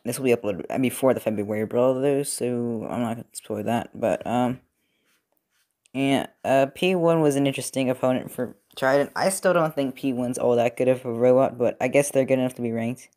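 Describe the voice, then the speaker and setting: Young male creator, loose rambling voice-over, everyday mid pitch, frequent fillers and self-corrections. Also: a little fast, darkish tone. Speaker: robot-building video creator. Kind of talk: casual commentary while working. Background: TV football game.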